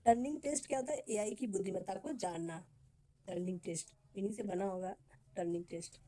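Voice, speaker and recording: A woman's voice: mid-range voice, fairly quick, warm tone, rough recording. A woman teaching an exam-prep class, asking questions and answering them herself and repeating key terms over and over. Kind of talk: Hindi exam-prep lecture.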